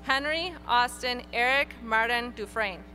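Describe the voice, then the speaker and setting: A woman reading graduates' names one by one at an outdoor graduation ceremony, in a clear, measured announcing manner. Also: a little high, pushed and bright, soft background music, a faint crowd. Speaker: graduation name reader. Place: outdoor stadium ceremony over PA.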